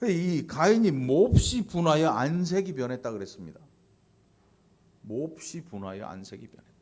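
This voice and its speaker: A male pastor preaching a sermon in a church, animated and prodding his congregation with quick asides. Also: medium pitch. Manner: animated preaching, acting out quoted voices, frequent "응?" and "어?" to the congregation. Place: church sanctuary.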